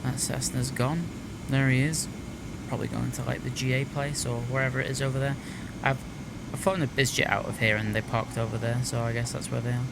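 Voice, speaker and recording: Man, flight simulator streamer, fry-heavy voice, casual commentary with pilot readbacks, loud aircraft noise behind. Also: mid-range voice, fairly even intonation, a little fast. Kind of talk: casual commentary mixed with pilot radio calls. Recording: very loud cockpit engine and air noise.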